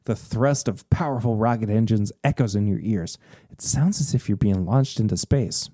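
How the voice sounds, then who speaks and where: A man hosting a podcast, reading a gamebook aloud in a casual, animated way with occasional hesitations and jokes. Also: on the low side, normal speed, no room sound, studio quality. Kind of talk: casual read-aloud with banter.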